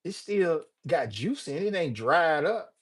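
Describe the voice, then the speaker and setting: An older man hosts a casual livestream, reading viewer comments, greeting people by name, rambling and joking along the way. His voice is on the high side and slightly rough, with big pitch swings and an unhurried pace.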